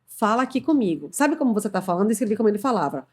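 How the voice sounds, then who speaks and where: A woman's voice: mid-range voice, very fast. A middle-aged woman with a Brazilian accent telling a workplace story on a podcast, acting out the dialogue. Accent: Brazilian Portuguese. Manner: animated storyteller, acts out quoted dialogue. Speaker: HR consultant, podcast guest. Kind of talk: casual storytelling in a podcast conversation.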